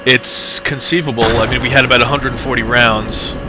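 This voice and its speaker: A man speaking in measured, hesitant military radio procedure as a player commander in a tank simulation, with a crackly radio sound. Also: steady tone, over music. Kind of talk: radio-procedure game communication. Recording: crackly radio, heavy rumbling background noise.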